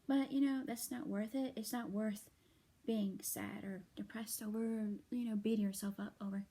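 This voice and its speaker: Worn out and up late, a young woman unloads to her audience in a soft, hesitant half-whisper, her slightly hoarse voice full of fillers. The vlogger's mid-range voice keeps a steady tone.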